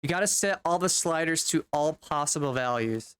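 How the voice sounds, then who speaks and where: Chatty game streamer, keeps swearing at the game, smooth clean voice, typing at a computer. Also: mid-range voice, animated, normal speed. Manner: chatty, exasperated, swears and talks to chat. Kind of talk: casual live-stream chat.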